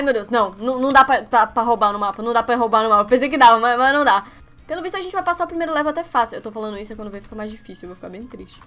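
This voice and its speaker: A young Brazilian woman giving let's-play commentary on her webcam setup, excitable and quick to yelp and shriek at each slip. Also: on the high side. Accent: Brazilian Portuguese. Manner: excitable, yelps and shrieks when failing. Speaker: gaming youtuber.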